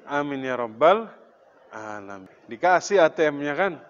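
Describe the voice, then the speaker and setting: A man's voice: a little high, big pitch swings, measured pace. A man preaching a mosque sermon, asking the congregation questions and telling humorous anecdotes. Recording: dull sound with long reverb in a hall.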